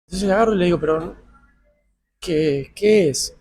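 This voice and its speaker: A man's voice: high-pitched, normal speed, darkish tone. An Argentine man, a father, retelling a tense hospital story in a personal interview and acting out the dialogue. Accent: Argentine Spanish. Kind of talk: emotional personal account.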